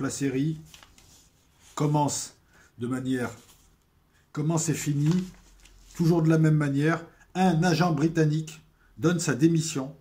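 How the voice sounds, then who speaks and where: A man talking to his viewers in a casual spoken monologue, hesitant, with many fillers and restarts, and getting louder on the points he stresses. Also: medium pitch. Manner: emphatic, swelling loudness on key points. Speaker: video essayist.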